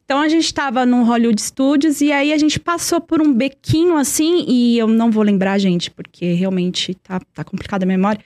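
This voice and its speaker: A woman's voice: on the high side, brisk, hardly any pauses, darkish tone, no room sound, clean studio sound. A young woman telling a personal story in earnest, repeating words for emphasis. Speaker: guest.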